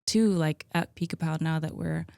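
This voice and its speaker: A woman in her thirties, a gym co-owner appearing as a podcast guest, chats casually in a deep, gravelly voice at normal speed. She's relaxed and easygoing, sprinkling in lots of "like" and "um." The recording has no room sound.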